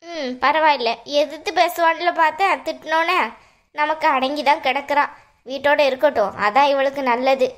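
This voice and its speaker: A woman voicing a stern, high-voiced mother-in-law. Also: a bit bright. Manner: scolding, lecturing. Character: stern middle-aged mother-in-law, secretly caring. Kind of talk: cartoon voice acting.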